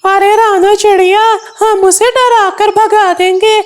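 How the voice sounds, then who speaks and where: A woman's voice: extremely high pitch, steady tone, slow pace. A woman voicing a kind, helpful male parrot in a cartoon, speaking in a comforting, coaxing way.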